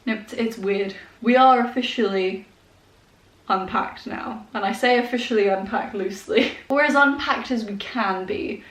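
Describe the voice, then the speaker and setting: A vlogger in her twenties, stuffed up with a head cold, chats casually to a handheld compact camera in a sparsely furnished room at home. Her voice is on the high side, a bit bright and unhurried, and sounds distant and slightly off-mic with roomy echo. She rambles chattily, using fillers and small laughs.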